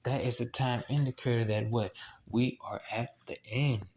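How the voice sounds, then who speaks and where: A man's voice: medium pitch, darkish tone, a little hiss or hum. A man preaching a scripture teaching, repeating himself and throwing out rhetorical questions as he goes. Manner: repetitive, asks rhetorical "what?" questions; halting, many restarts and fillers.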